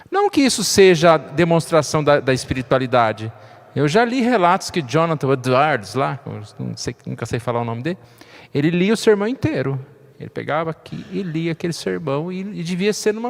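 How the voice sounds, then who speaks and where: Pastor preaching in an echoing hall. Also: male voice, on the high side. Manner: conversational, frequent tag questions, light humor. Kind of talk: sermon. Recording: long reverb of a church hall.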